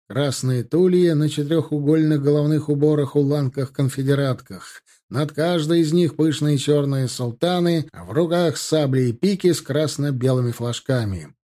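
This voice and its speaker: A man's voice: fairly high pitch, moderate pace, warm tone. A man narrating a historical war story as an audiobook reader.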